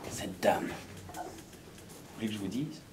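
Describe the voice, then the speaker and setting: A man's voice: on the low side, slow, in a whisper. A man with a Brussels French accent telling a folk tale with chatty asides to his audience. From Belgium. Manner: lively, chatty, full of asides to listeners. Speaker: storyteller. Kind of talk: oral storytelling performance.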